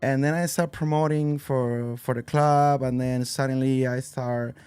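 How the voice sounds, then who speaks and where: A man's voice: mid-range voice, steady tone, a little slow, darkish tone, clean tone, dry recording, soft background music. A man, a guest telling his story in a loose, rambling way full of fillers and restarts. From Spain. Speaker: guest, DJ and violinist. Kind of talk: casual interview chat.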